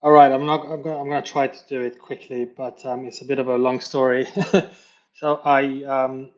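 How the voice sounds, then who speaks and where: Man from Lithuania, even halting delivery. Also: medium pitch. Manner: halting, many fillers and restarts. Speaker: financial controller, webinar guest. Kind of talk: conversational interview answers. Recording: dull lo-fi audio.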